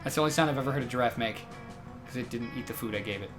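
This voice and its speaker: A man's voice: medium pitch, rapid-fire. Man narrating a comedic game over faint music.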